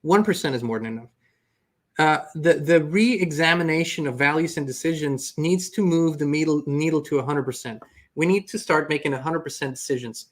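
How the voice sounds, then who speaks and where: A man's voice: a little high, a little fast. A man hosting an earnest, reflective spiritual motivational talk. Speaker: host.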